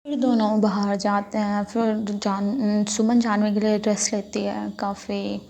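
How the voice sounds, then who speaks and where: A woman telling a story in a quick, chatty way, stringing events together loosely. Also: medium pitch, little pitch movement, vocal fry, warm tone. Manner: quick, chatty retelling with frequent "to" connectors. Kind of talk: casual spoken storytelling.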